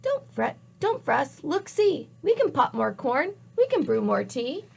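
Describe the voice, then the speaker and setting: A woman voicing a tiny, timid male mouse in a storybook reading, squeaky and soft. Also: big pitch swings, unhurried, creaky, full character voice. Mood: soothing.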